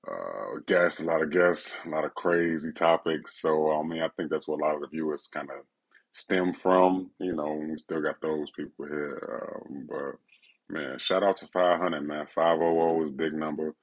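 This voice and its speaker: Very deep, gravelly man, close in your ear. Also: normal speed. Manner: laid-back, close and personal, as if right in the listener's ear. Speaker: podcast host. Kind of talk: casual, intimate late-night solo podcast talk.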